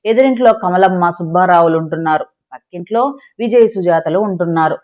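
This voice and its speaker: Woman reading a village story out loud, lowish voice, muffled lo-fi sound. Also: fairly quick. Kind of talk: scripted story narration. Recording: dull lo-fi recording.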